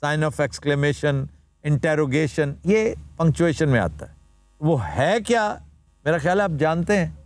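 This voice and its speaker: A man hosts a studio talk show and explains word origins like a teacher. His voice sits high and swings widely in pitch. The sound is dry and close. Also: expressive, slow pace, dry recording. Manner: explanatory, lecturing, formal Urdu vocabulary. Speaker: host.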